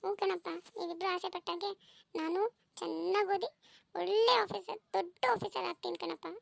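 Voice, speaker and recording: A woman voicing an eager, proud young schoolgirl in a family cartoon story, talking in an excited, childlike way. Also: very high-pitched, moderate pace, creaky, dry recording, exaggerated voice. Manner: excited, pleading childlike talk.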